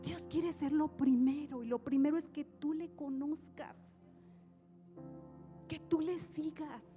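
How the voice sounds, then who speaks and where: A woman preacher giving an animated, dramatic sermon in a church. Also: high-pitched, slow pace. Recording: echoey church hall, soft music.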